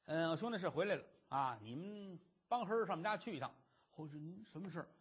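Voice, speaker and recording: A man's voice: on the high side, animated, fast talker, slightly rough, voice pushed down. Man playing a tough cleaver-waving aunt, bossy, lo-fi storybook. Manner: brusque, commanding. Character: fierce, sharp-tongued aunt who threatens with a cleaver. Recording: dull lo-fi recording.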